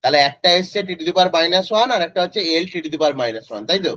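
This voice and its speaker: A man's voice: a little high, expressive, a little fast, a bit bright, no echo. A male physics tutor, teaching an online class in a casual way and quizzing students by name. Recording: dry, slightly dull lo-fi audio.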